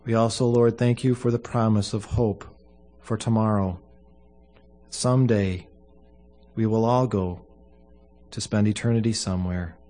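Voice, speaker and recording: A man speaking as a pastor at a funeral service, giving a solemn, earnest prayer in measured short phrases. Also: on the low side, fairly even intonation, warm tone.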